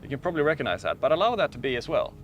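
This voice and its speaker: A man speaking as a meditation teacher, guiding a slow, calm meditation with long pauses. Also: fairly high pitch, lo-fi sound, a little hiss or hum. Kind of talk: guided meditation talk.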